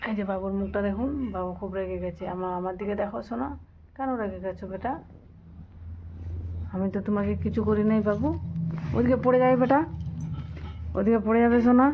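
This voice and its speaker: A woman's voice: medium pitch, steady tone, a little fast, long pauses, dull audio, slight background noise. A young woman filming a casual home vlog, coaxing her little son in a sing-song way and asking him the same questions again and again.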